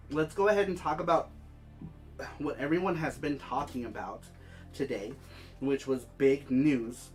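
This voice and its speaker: A gaming livestream host talks casually at a middling pitch, his nose stuffed up from a head cold. He chats between explanations and calling out viewer comments, with background music playing behind him.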